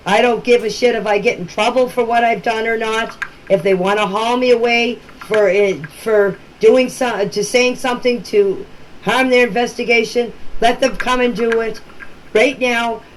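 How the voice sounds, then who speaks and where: In a phone voice message, an older woman with a slightly high voice talks informally and with emphasis, speaking plainly and repeating herself often. She is a relative discussing a case of missing children, and the amateur recording is noisy.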